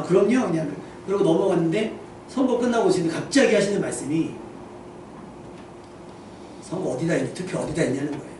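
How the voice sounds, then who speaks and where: A man's voice: fairly high pitch, a little mellow, slight background noise. A male pastor preaching a sermon in a conversational way, often putting questions to the congregation. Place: church sanctuary. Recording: echoey church hall, mic at a distance.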